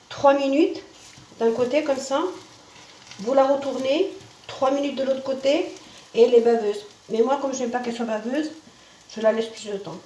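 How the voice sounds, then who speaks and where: A home cooking video host, a woman with a Spanish accent, demonstrates a dish casually in her kitchen as a pan sizzles, chatting and frequently saying "hein" and "voilà" while restarting words. Her voice is on the high side and dark in tone; the recording sounds roomy and distant, with faint noise.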